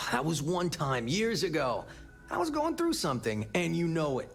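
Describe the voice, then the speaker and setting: Game space operative: fretful, sardonic, gravelly and very animated. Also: male voice, on the high side, moderate pace, faint music behind, full character voice. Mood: wry, defensive. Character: anxious, wordy, wry male space operative. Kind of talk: video game character dialogue.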